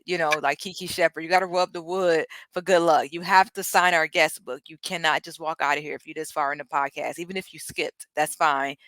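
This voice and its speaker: Bright-voiced woman podcast host, chatty. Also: lowish voice, dry recording, poor audio. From Detroit. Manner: chatty, enthusiastic, many ums. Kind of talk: casual chat.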